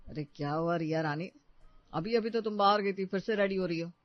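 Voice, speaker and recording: A woman voicing an easygoing young husband in a soft, lowered voice. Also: a little fast, no room sound, lightly acted. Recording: dry, slightly dull recording.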